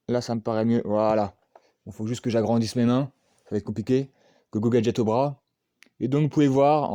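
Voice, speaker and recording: Rambling man unboxing, mellow dry voice. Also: medium pitch, smooth, no room sound, muffled recording. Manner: rambling, hesitant, many fillers and self-mocking asides. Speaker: unboxing vlogger. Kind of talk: casual unboxing chat.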